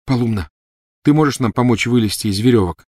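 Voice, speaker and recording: A man's voice: mid-range voice, a little fast, a little mellow, no room sound, studio quality, pitched above the performer's own voice, natural voice. A man voicing a tense teenage boy who urges and presses in a storybook reading. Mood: urgent. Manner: urgent, pressing.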